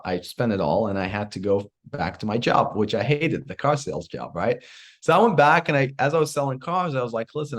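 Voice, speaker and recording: A man in his twenties from Iraq, a podcast guest telling his story with energy and earnest drive. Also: mid-range voice. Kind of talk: storytelling interview answer.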